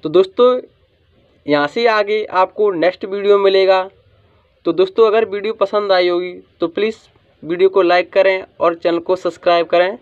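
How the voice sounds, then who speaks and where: A man teaching English reading in a phonics lesson, spelling out letters and asking questions he answers himself, sometimes drawing a word out slowly. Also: high-pitched, fairly even intonation, clean tone. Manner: drawls some words slowly for emphasis. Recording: dull lo-fi sound.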